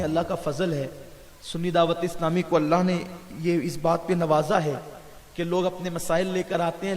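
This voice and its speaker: A male preacher telling a story in a sermon to a gathering, impassioned and swelling louder at the religious high points. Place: large gathering hall. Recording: reverberant hall with faint hiss.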